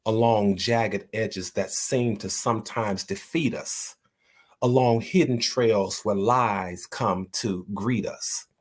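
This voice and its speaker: A poet who hosts his own channel talks earnestly to viewers about writing, encouraging them and often repeating words as he searches for the right ones. His voice sits on the low side with a steady tone. He then reads one of his own poems aloud in a slow, measured recital.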